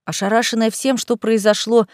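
A woman narrating a storybook in a lively, playful, expressive way. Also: a little high, moderate pace, no room sound, studio quality. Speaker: audiobook narrator.

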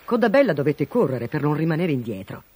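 A storyteller reading a children's fable aloud in an expressive, animated way. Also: medium pitch, fairly quick, background noise. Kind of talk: scripted storybook narration.

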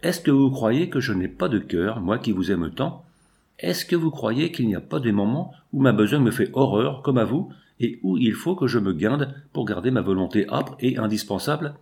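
A man's voice: mid-range voice, expressive, creaky, a little mellow. Man reading as a cold, calculating strike leader. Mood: persuasive. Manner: measured, cool and persuasive. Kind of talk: audiobook reading.

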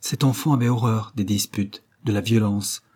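A man reading a novel aloud as an audiobook narrator, steady and measured. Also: lowish voice, husky. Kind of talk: scripted narration.

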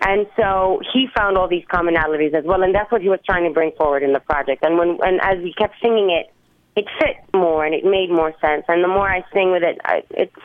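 A woman musician, interviewed as a guest over a tinny phone line, speaks earnestly and keeps restarting as she hunts for words. Her voice is on the low side and a little fast, in a dry recording.

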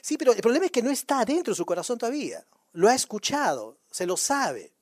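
A man's voice: very high voice, huge pitch swings, quick pace, no room sound. Man preaching with dry close sound. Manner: conversational, peppered with rhetorical questions to the congregation. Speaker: pastor. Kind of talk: sermon.

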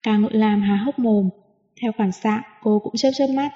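Mellow-voiced woman reading an audiobook. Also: medium pitch, moderate pace. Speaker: audiobook narrator. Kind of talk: scripted narration. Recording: dull lo-fi audio with long reverb.

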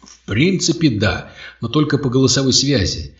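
A man's voice: medium pitch, expressive, normal speed, pitched above the performer's own voice, lightly acted. A man voicing an eager starship officer. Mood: explaining. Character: bold resourceful male starship officer. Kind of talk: audiobook character voice. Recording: dull roomy audio, distant mic.

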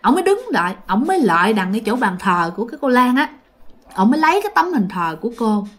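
A woman's voice: fairly high pitch, sing-song, fast. A young woman with a Southern Vietnamese accent, telling a ghost story in a chatty, casual way and speaking straight to her listeners.

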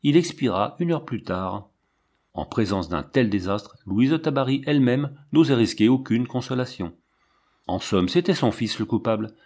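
A man narrating an audiobook in a measured, dramatic reading. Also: medium pitch, expressive, darkish tone.

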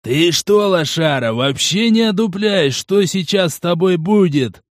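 A man voicing a brutish male biker thug who snarls and swears roughly, in an audiobook. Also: fairly high pitch, expressive, unhurried, darkish tone, dry recording, studio quality. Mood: snarling. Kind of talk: audiobook character voice.

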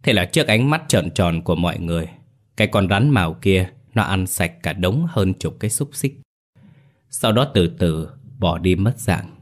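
Deep-voiced male horror storyteller. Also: lively intonation, normal speed. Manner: dramatic, ominous. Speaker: narrator.

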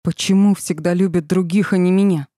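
A woman voicing a volatile young dark witch in an audiobook, with shrill laughing taunts that turn into sobbing wails. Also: steady tone, a little fast, dry recording, clean studio sound, lightly acted. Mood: anguished.

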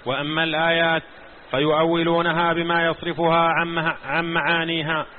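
A man reading a religious text aloud in a class, steady and even. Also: fairly high pitch, a little fast. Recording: tinny phone-like recording with faint hiss.

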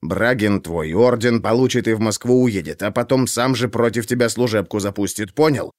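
A man's voice: on the low side, moderate pace, no echo, studio quality, natural voice. A man doing a hissing, foul-mouthed police chief. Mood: angry hissing. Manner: hissing, swearing. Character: angry profane middle-aged male police chief.

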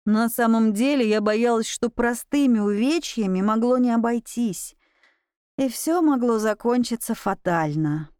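A woman reading a first-person story aloud with expressive storytelling. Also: a little high, unhurried, clear, resonant tone, dry recording, studio quality. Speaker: audiobook narrator. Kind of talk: scripted first-person narration.

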